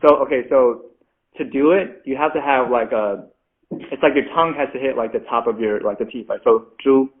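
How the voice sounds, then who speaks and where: With a mid-range voice and a fairly quick pace, this Mandarin-speaking rapper is a guest in a casual interview over a video call with phone-like sound. He's chatty, uses "like" nonstop and laughs a little at his own expense.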